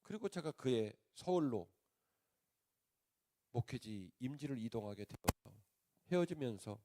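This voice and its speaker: Animated preacher man. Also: medium pitch, a little slow. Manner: animated storyteller, swings between loud outbursts and hushed asides. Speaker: pastor, revival preacher. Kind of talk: sermon storytelling. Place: church sanctuary.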